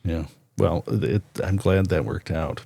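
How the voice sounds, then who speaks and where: A man hosting a casual chat podcast, playful and teasing, often pausing and restarting as he thinks. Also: low voice, vocal fry, warm tone, slightly rough. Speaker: podcast host.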